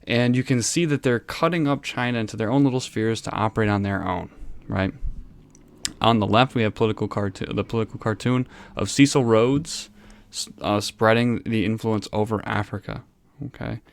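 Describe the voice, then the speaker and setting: With a fairly low, creaky voice and a moderate pace, a male history teacher rambles through a casual exam review at home, easily distracted and making fun of himself. He uses a desk microphone.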